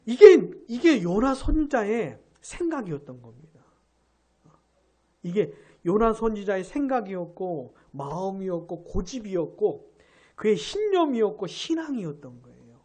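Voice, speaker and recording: A male pastor giving a midweek Bible study sermon, emphatic, asking his listeners questions and reading scripture aloud slowly. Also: high-pitched, very animated, mellow.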